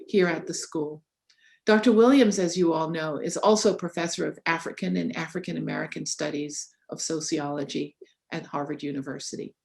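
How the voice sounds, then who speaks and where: A woman's voice: fairly low pitch, gravelly. A woman hosting an event, giving a formal introduction of the guest speaker. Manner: formal, welcoming. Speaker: event host.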